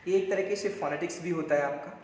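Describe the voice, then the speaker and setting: A man's voice: on the high side, fast talker, darkish tone. A man teaching English pronunciation at a board, speaking Hindi with English words mixed in and repeating each word to drill it. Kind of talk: classroom lesson at a board. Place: room with a board. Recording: echoey room with long reverb and faint background hiss.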